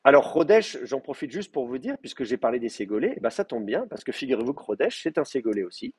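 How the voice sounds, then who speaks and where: Husky man teaching a class. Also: medium pitch, big pitch swings, fast, darkish tone. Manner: explains patiently, many fillers, checks with students. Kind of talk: live class lecture.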